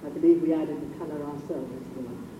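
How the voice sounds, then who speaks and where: A man's voice: a little high, fairly even intonation, a little fast. Posh male lecturer, thin distant recording. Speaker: lecturer on historic decorated papers. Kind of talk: illustrated slide lecture. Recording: muffled phone-like old recording, roomy, distant, hissy.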